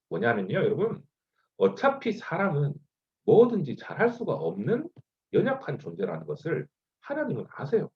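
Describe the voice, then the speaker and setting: A man's voice: fairly high pitch, lo-fi sound. A man preaching a sermon to a youth group over an online video call, asking the listeners rhetorical questions. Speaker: youth pastor. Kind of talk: sermon to middle-school youth.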